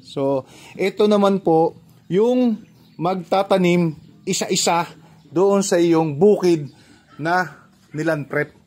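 A man hosting a farming vlog, chatting casually as he walks viewers through farm equipment and often checks in with a quick question tag. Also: high voice, a little mellow. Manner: chatty, explains step by step, often tags "no?". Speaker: farming vlogger and host. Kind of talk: casual walk-through commentary.

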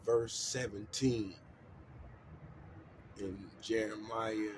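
A man hosting a discussion show, talking casually about scripture and history in a loose, repetitive way that turns loud and emphatic. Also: on the low side, steady tone, drawn-out words, background noise. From United States. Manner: loose and repetitive, urging listeners in with refrains like "come on in, man"; grows loud and emphatic when telling history. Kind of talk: casual religious discussion monologue.

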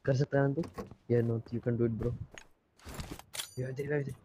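Slow-talking teammate over gunfire. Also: male voice, mid-range voice, little pitch movement, background noise. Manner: pleading, repeats himself. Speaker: squad teammate. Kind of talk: voice chat during a game. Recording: voice chat under loud gunfire.

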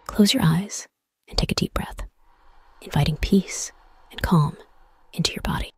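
A woman guides a meditation in a low, very breathy voice that is partly whispered and turns gravelly with fry at the edges. Her soft, scripted narration comes in soothing, measured phrases with space between them, and there is no room sound.

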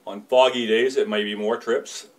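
A Canadian man in his fifties, a lighthouse keeper's son, calmly explaining and reminiscing in a small indoor room. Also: fairly low pitch. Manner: measured, explanatory. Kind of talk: casual demonstration and reminiscence.

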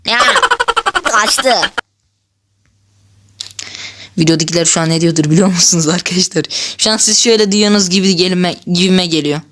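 A woman hosting a gaming channel, giving chatty, excitable gameplay commentary, laughing often and talking straight to her viewers. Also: fairly low pitch, normal speed, pauses often, a little hiss or hum.

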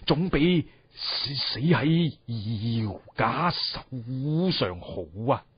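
A man voicing a dying male philosopher in a dramatic tale, serene and resigned, with a weak, husky, halting stammer. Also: medium pitch, lively intonation, heavily acted. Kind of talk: dramatic storytelling. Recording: dull, roomy recording with music.

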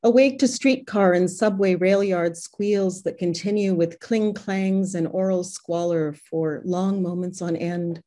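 An older woman reading a prose poem in a calm, unhurried way, speaking over a video call from a room at home. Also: lowish voice. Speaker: poet reading her work. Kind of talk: poetry reading. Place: home room with posters and books.

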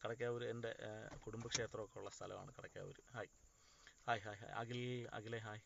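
A man's voice: on the low side, level tone, brisk, creaky, muffled recording, background noise. A male actor on a phone live stream, casually chatting, reading out comments and greeting viewers by name.

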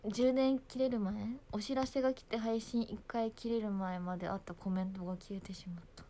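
A woman's voice: medium pitch, fairly even intonation, normal speed, dark tone, slight background noise. A young woman, chatting casually and giggling on a phone livestream. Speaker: idol livestreaming to fans.

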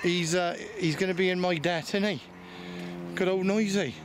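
A man's voice: sits high, fairly even intonation, moderate pace. A man filming his fishing friend at a lake, joking and swearing in casual banter. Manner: joking, teasing, swears freely. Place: lakeside outdoors. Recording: outdoor ambience and water noise.

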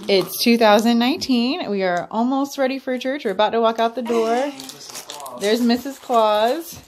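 A woman vlogging casually on a handheld phone, chatty and excitable, with self-deprecating asides. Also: a little high, normal speed. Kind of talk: casual vlog narration. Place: busy stores, mall and church halls. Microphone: handheld phone camera. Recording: loud crowd and background noise. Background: crowd chatter and store noise.

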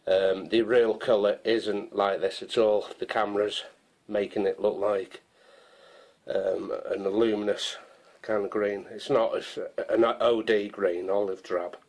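A survival gear vlogger in his fifties shows off his camping kit in a casual, unhurried, rambling way, pausing often with ums and restarts. He sits a few feet from the camera mic in a small conservatory, so he sounds a little distant, with a fairly low, flat, darkish voice.

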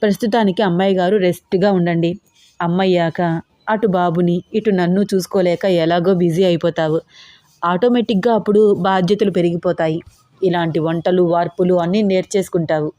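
A woman's voice: lowish voice, fairly even intonation, normal speed, mellow, no room sound, natural voice. A woman voicing a young man, a busy company boss who answers in curt, teasing lines. The recording is dry and close. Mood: brisk teasing.

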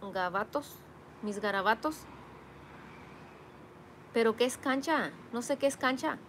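A woman chats casually through a live stream, reading comments aloud and playfully teasing her viewers. Her voice sits a little high. Faint ambient sound hums behind her. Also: slight background noise. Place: home garden workspace.

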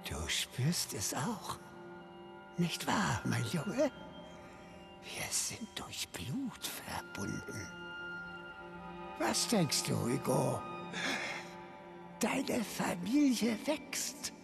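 An actor playing a sinister, grandiose old high clergyman in a video game, with a gravelly, theatrical, menacing delivery. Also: sing-song, heavily acted. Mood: quietly menacing. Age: older. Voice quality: gravelly, breathy at times. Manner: menacing, theatrical, slow and deliberate. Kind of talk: dramatic video game acting. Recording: loud dramatic music behind.

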